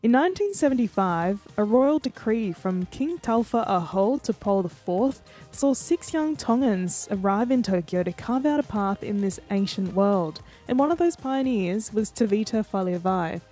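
A woman's voice: medium pitch, expressive, normal speed, few pauses, warm tone, faint music behind. A woman hosting an interview, reading a prepared introduction and asking encouraging questions. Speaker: interview host.

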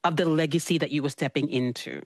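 A woman's voice: deep voice, fast talker, no echo, clean studio sound. A woman hosting a radio interview, with a polished scripted intro and friendly, curious questions.

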